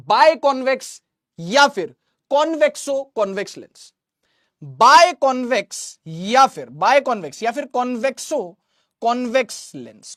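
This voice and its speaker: A man with a very high voice leads a live online physics class for exam students, bantering with viewers' comments and using call and response to drill terms. The sound is studio quality, with no echo.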